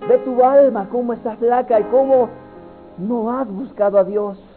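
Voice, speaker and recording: Male preacher, very high voice, urgent altar-call sermon, hushed to shouting, tinny lo-fi sound with soft music behind. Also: steady tone, moderate pace. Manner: swings from hushed pleading to loud impassioned cries.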